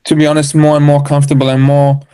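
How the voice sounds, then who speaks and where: A man's voice: fairly high pitch, completely flat delivery, fast talker, mellow, clean tone. A man with a South African accent, a motocross racer explaining things step by step in a casual podcast interview. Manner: matter-of-fact, explains step by step.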